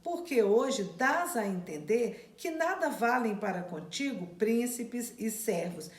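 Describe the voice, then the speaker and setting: A woman's voice: fairly high pitch, lively intonation, slow, reverberant. A woman who reads scripture aloud and then retells it in plain, casual words to her class. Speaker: Bible study teacher. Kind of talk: Bible reading and teaching.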